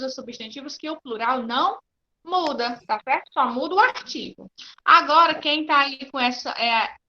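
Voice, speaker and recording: Woman teacher, high bright voice, patient and methodical in an online class. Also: muffled recording. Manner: patient, explains step by step with frequent checks.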